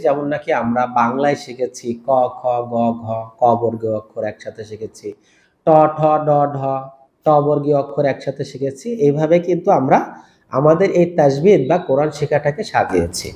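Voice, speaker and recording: A man teaching Quran letters step by step, patiently repeating each sound in a slow, drawn-out way. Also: on the high side, a little mellow, echoey room. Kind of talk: step-by-step recitation lesson.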